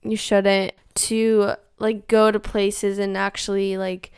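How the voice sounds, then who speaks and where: The vlogger is a young woman chatting confessionally to camera from home, rambling and leaning on "like" again and again. Her voice, medium in pitch, level, slow, and a little mellow, sounds strikingly smooth and crisp in a totally dry recording free of room echo.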